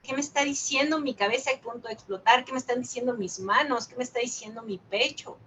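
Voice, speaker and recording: A woman with a Mexican Spanish accent speaks calmly and reflectively, teaching a meditation group and asking rhetorical questions. Her voice is bright, sits a little high, and has a faint hiss of background noise behind it. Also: quick pace, low-quality recording. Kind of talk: dharma talk with guided reflection.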